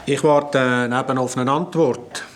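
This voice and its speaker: In a noisy recording of a children's radio play, a Swiss German-accented man voices an earnest police officer at the desk of a small station. His medium-pitched voice keeps a steady tone and measured pace, only lightly acted. He speaks plainly and somewhat hesitantly.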